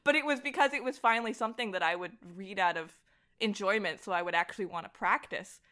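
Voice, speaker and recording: She talks fast, her mid-range voice bright and forceful, as a young adult podcast guest who works as a voice actor and director. In the casual chat she recounts personal stories and performs pieces of people's dialogue.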